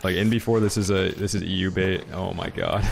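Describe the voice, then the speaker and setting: Male game streamer, relaxed chatty delivery, gravelly fry, audible background noise. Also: deep voice, a little fast. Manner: laid-back, chatty, says "man" a lot. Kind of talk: casual live gameplay commentary.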